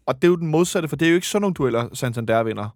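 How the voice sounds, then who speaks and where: A man's voice: a little high, expressive, no room sound, clean studio sound. A man hosting a casual fan chat about a football match, rambling and correcting himself as he goes. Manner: chatty, rambling, self-correcting. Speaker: football podcast host.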